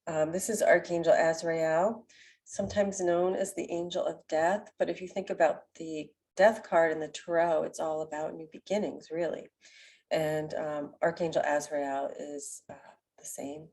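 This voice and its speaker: Soft-spoken nasal woman reading oracle cards. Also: sits low, steady tone, moderate pace. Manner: gentle, meandering, with many ums. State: sick with a cold. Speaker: oracle card reader. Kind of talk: spiritual card reading to camera.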